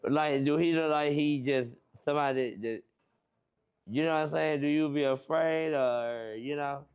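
Playful young man, slightly high voice. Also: moderate pace, a little mellow, clean tone, lo-fi sound.

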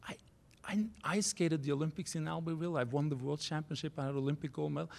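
A man in his forties from Norway with a Norwegian accent, giving a keynote speech at a university podium, earnest and halting, restarting phrases in non-native English. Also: fairly high pitch, fairly even intonation, gravelly. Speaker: keynote speaker. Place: university auditorium stage. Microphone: podium microphone.

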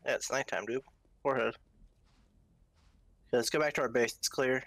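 A man's voice: mid-range voice, steady tone, a little fast, a bit bright, no echo. A young man chatting casually while playing a co-op game, laughing and joking often. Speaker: gamer. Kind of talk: casual co-op gaming chat.

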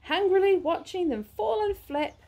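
A woman reading a rhyming picture book aloud in a sing-song, expressive way. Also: very high-pitched, normal speed, gravelly. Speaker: storybook reader.

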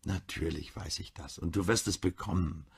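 A man voicing a caring woman, a doctor and wife, who speaks gently and pleadingly. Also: deep voice, normal speed, vocal fry, husky, heavily acted.

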